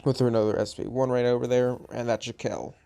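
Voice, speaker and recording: A man at a mid pitch talks over his gameplay in a loose, rambling way. He sounds a bit tired and often trails off or restarts his sentences. It is plain, unscripted commentary into a home microphone. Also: level tone, fast talker, creaky, mellow, clean tone. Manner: rambling, chatty, self-correcting. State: a little tired. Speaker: gaming channel host.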